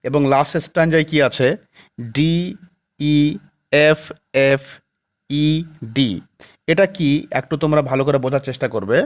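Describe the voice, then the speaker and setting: Teacher slowly explaining a poem to students. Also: male voice, on the high side, fairly even intonation. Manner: explains slowly, asks "ঠিক আছে?" after nearly every point; mixes English phrases into Bengali, reading English definitions very slowly. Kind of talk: classroom lecture.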